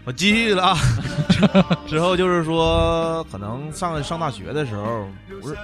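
A man's voice: on the high side, unhurried. Young man chatting over music. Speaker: radio co-host. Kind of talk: casual anecdotal chat. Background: instrumental music.

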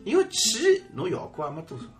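A man's voice: sits high, wildly swooping pitch, quick pace, faint music behind. A man with a Shanghainese accent co-hosting a podcast, bantering and giving his opinions. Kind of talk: casual chat.

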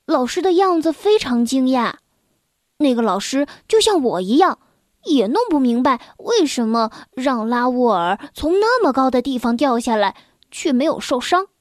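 High-voiced woman reading a children's story. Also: very animated, normal speed, no room sound, clean studio sound.

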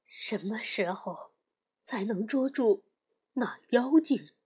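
A woman's voice: fairly high pitch, animated, slow, darkish tone, slightly rough, heavily acted. A woman voicing a frightened, crying male monk in a children's storybook, speaking in a whisper. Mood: fearful. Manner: whispered, fearful. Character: frightened tearful male monk, gentle and weak. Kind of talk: storybook reading.

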